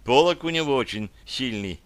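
A man's voice: mid-range voice, animated, moderate pace, natural voice. A man voicing a young warrior woman who is demanding, irritable and anxious in an audiobook. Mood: insistent. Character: young woman, a tense, pushy warrior amazon.

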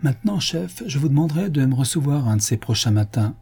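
A gruff, sardonic police inspector, as a male audiobook reader puts him on, offhand and ironic. The voice is mellow and a little husky. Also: mid-range voice, expressive, fast talker, pitched above the performer's own voice. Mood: curt. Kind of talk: audiobook reading.

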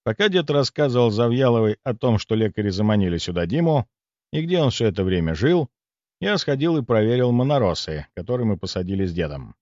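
A man narrating a fantasy audiobook in the first person, expressive and storytelling. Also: fairly low pitch, brisk, dry recording, dull audio.

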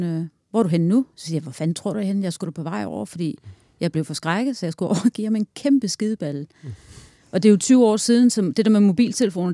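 A woman's voice: medium pitch, mellow, no room sound, studio quality. A woman in her forties recounting a personal loss in an interview, candid and earthy, telling it in vivid detail.

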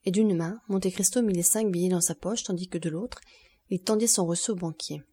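Narratrice de livre audio, femme, lecture égale et articulée, voix feutrée. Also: female voice, lowish voice, fairly quick, mellow, breathy edge. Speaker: audiobook reader. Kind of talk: scripted narration of a classic novel.

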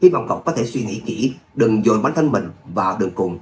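A man voicing a stern, grave elder who gives a low, serious warning, in a roomy recording. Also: expressive, fairly quick, a little mellow, lightly acted. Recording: roomy echo, faint hum.

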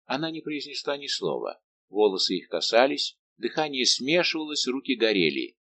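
A man narrating a novel in a measured, literary reading style. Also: mid-range voice, very animated, a bit bright. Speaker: audiobook narrator. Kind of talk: scripted narration.

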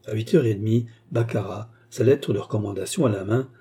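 A man narrating a classic novel as an audiobook, in a measured storytelling manner. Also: lowish voice, mellow, breathy edge.

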